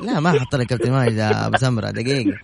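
A man hosting a call-in radio show, talking fast and teasing his callers. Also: medium pitch, gravelly, a little hiss or hum. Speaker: radio host. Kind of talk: lively call-in radio chat.

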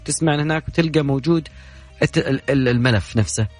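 A man's voice: fairly high pitch, fast, soft background music. A man with a Saudi Gulf accent hosting a call-in radio show, chatting and joking with callers. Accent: Saudi Gulf Arabic. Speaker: radio host.

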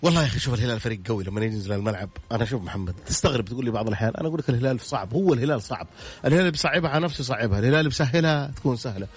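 Fast, husky-voiced radio football pundit. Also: male voice, mid-range voice, expressive. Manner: insistent, repeats his points. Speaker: sports pundit. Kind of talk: casual radio sports talk.

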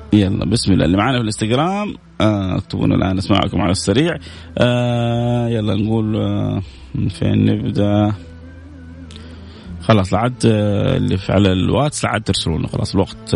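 This is a man hosting a live religious program. He rushes through a long list of viewer greetings, tossing in warm prayers and light jokes. The sound carries a broadcast radio quality. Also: medium pitch, gravelly. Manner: warm blessings, quick lists of names, playful asides.

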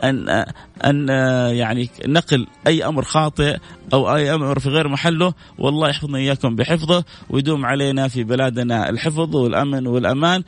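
A middle-aged man with a Saudi accent hosting a religious advice talk show, animated and preachy, with mocking asides. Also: mid-range voice, quick pace. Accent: Saudi Arabic. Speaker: host.

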